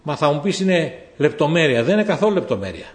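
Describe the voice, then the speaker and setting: Male preacher, fairly high voice, animated sermon delivery, echoey hall. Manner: storytelling, swings between loud exhortation and low quiet asides.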